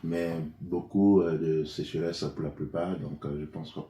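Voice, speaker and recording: Here a man from Benin, a guest being interviewed, speaks with a low, mellow voice at a moderate pace and a steady tone. His replies are hesitant and chatty, packed with fillers and false starts, captured in an echoey room with a little background noise.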